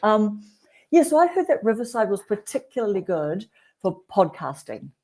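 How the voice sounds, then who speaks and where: A woman's voice: mid-range voice, big pitch swings, moderate pace, a little mellow. A woman in her forties with a New Zealand accent, hosting a casual livestream chat and telling rambling stories with lots of fillers. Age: 40s. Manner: chatty, rambling storyteller with frequent fillers. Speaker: livestream host.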